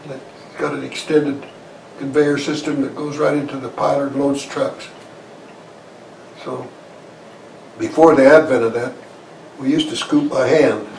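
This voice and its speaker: A Korean War veteran in his eighties sits in his armchair in a small living room, giving a conversational oral-history account of his life in a halting, folksy, plain way. His voice is mid-range, gravelly and steady. Recorded on a lavalier clipped to his shirt, the sound is roomy and distant with faint noise.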